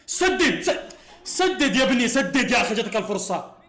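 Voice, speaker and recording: Fast-talking man reacting to football. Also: extremely high pitch, echoey room. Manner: excitable, exasperated, laughing often. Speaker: football fan reacting to a match. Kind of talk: live match reaction.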